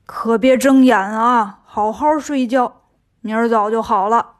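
A woman voicing a kindly old village grandfather in a children's audio story, slow and knowing. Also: a little high, voice pushed down, close to an everyday voice.

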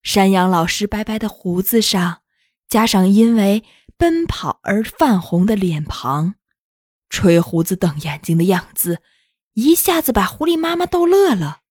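A woman narrating a children's story in a gentle, unhurried, expressive reading. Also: medium pitch, husky, dry recording, studio quality.

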